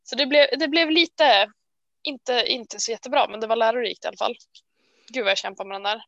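A woman co-hosting a casual chat, talking in a chatty, self-deprecating way full of quick restarts. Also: fairly high pitch, vocal fry, fairly bright tone, no echo, highs cut off. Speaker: podcast co-host. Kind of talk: casual chat about knitting.

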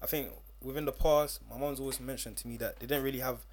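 A man's voice: mid-range voice, fairly even intonation, fast, background noise. A young man speaking as a podcast guest, earnestly explaining his view with lots of examples. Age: young adult. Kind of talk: casual chat.

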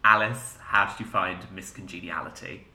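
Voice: low voice, fairly even intonation, normal speed, reverberant. A co-host leading a casual film chat, enthusiastic, with stumbling restarts. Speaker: podcast co-host.

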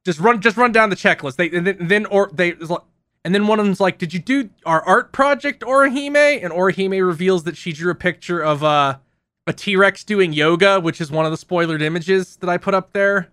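A man with a bright, forceful tone and a fairly high voice runs through episode plots in casual, profane podcast chat. His recording is close and very dry. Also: steady tone, fairly quick, clear, resonant tone, dry recording. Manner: rambling plot recap with frequent profanity and laughs. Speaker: podcast co-host recapping episodes.

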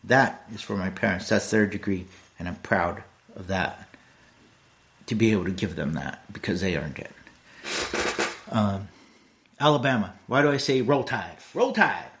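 A middle-aged man talks through a casual podcast monologue, blunt one moment and earnest the next. His voice sits a little low, and his delivery rambles. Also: animated, moderate pace, long pauses, fairly bright tone. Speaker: podcast host.

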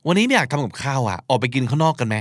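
Lively male podcast host explaining words. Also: mid-range voice, very fast, no echo, clean studio sound. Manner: spells out and explains words, acts out example lines. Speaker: podcast host teaching English vocabulary. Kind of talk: explanatory language lesson talk.

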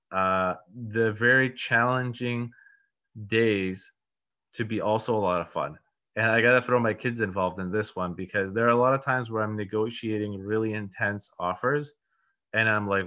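Originally from Poland, this man in his thirties works in real estate and hosts a podcast. His lowish voice has a bright, forceful tone as he meanders casually through interview answers, restarting and filling often, on a dull lo-fi recording.

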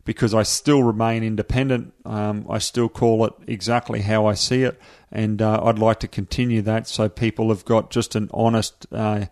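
A man's voice: lowish voice, little pitch movement, moderate pace, darkish tone. An Australian man being interviewed as a guest, chatting casually in a laid-back, blokey way with hesitant phrasing. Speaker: podcast guest, product reviewer.

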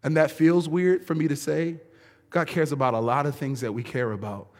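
A man preaching a sermon in an emphatic, lively way, often laughing between words. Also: fairly high pitch, moderate pace. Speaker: pastor. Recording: long hall reverb.

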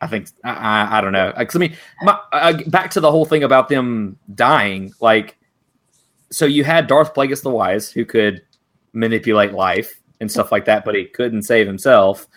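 A man co-hosting a casual fan podcast, animated and laughing often. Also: normal speed. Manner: animated, laughs often, acts out quotes in a higher voice. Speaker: podcast co-host.

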